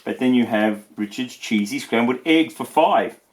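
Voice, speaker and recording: A medium-pitched man at normal speed reads a children's story aloud, playful and animated, adding chatty asides along the way. A little hiss or hum can be heard in the recording.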